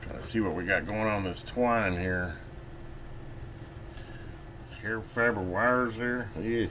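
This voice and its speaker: The video host's voice is fairly low and fairly bright, and he speaks slowly. He gives casual commentary on a hands-on repair, reasoning aloud as he goes, in a clearly noisy hobbyist recording.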